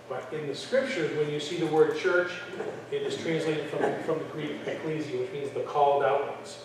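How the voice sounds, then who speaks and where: Guy lecturing a church class, chatty with lots of ums, mic far off, faint background hiss. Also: fairly high pitch. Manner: conversational, frequent fillers and restarts. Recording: echoey room from far off, faint noise.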